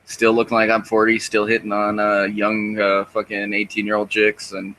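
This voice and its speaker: A man's voice: lowish voice, completely flat delivery, moderate pace, bright, forceful tone, poor audio. A man in his thirties, a podcast host chatting casually in a rambling, profane, self-deprecating way. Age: 30s. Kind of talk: casual chat.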